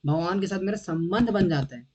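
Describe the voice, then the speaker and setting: A man with a fairly high voice delivers a devotional lecture. He talks conversationally, often clears his throat, and keeps checking whether his listeners are following. The recording is somewhat dull and lo-fi. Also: fairly quick, darkish tone. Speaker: devotional teacher.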